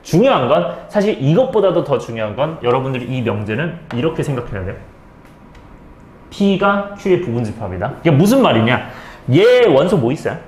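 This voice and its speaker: A man's voice: medium pitch, big pitch swings, normal speed, darkish tone, reverberant, a little hiss or hum. A male math teacher giving a step-by-step lecture, asking questions and answering them himself, often checking in with students. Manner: keeps checking in with students, "okay?".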